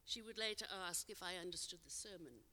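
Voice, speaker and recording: An older woman telling a personal memory in a measured, gentle storytelling manner, her phrase endings trailing off softly. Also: on the low side. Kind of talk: told personal memoir on stage. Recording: long hall reverb.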